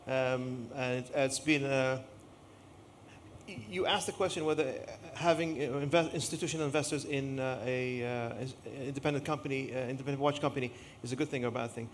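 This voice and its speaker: A man's voice: medium pitch, fairly even intonation, fairly quick, slight background noise. A man speaking as a panelist at a live discussion, hesitant, restarting words and using many filler sounds.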